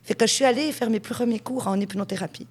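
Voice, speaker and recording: Speaking fast with a breathy edge and a fairly high pitch, this hypnotherapist guest tells frank, lively stories about her working life. She is a Swiss-born woman in her forties, and the setting is a chatty conversational interview.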